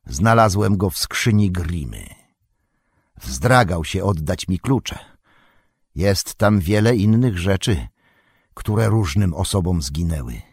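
A man's voice: low-pitched, animated, slow, slightly rough, no echo, clean studio sound, heavily acted. A man voicing a loyal royal guard who reports to the king in a formal, respectful way in a storybook reading.

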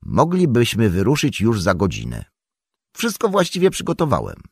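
A man's voice: lowish voice, huge pitch swings, moderate pace, slightly rough, dry recording, studio quality, pitched above the performer's own voice, heavily acted. A man voicing a steadfast young male hobbit friend who speaks earnestly and reassuringly in an audiobook. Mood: resolute. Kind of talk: audiobook character voice.

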